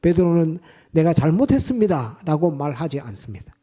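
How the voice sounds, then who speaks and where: A man preaches, and his voice is fairly high yet very dark and mellow. He retells scripture as lively stories and hammers his points home by repeating them. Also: normal speed, husky. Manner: emphatic, retells scripture scenes with vivid storytelling and repeated points. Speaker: pastor. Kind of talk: sermon. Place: church.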